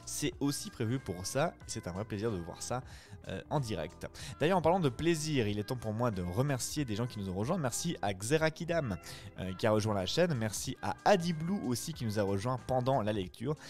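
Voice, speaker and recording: A man's voice: medium pitch, expressive, fairly quick, darkish tone, faint music behind. A man, chatting casually with his live viewers after a reading in a friendly, reflective way. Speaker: streamer and voice-acting reader.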